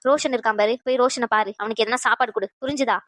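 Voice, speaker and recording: A woman's voice: fairly high pitch, fairly even intonation, rapid-fire, a bit bright, no room sound, clean studio sound, pitched below the performer's own voice, close to an everyday voice. A woman voicing a stern, domineering older mother-in-law in a cartoon, scolding and lecturing. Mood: firm. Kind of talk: cartoon voice acting.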